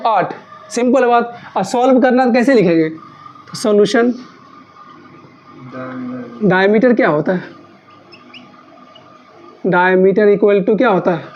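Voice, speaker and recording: A woman's voice: mid-range voice, takes it slowly, pauses often, a little mellow, a little hiss or hum. A woman maths teacher giving a classroom lesson. She asks questions and answers them herself, repeating key terms again and again to coax her students. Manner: repetitive, coaxing drill of key terms.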